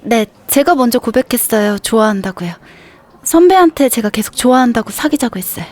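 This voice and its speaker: Shy, high-voiced young woman acted by an actress. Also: animated, fairly quick, natural voice. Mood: earnest. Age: young adult. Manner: timid, hesitant, polite. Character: shy, flustered young woman, earnest and polite, in love. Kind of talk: romance audio drama acting with inner monologue.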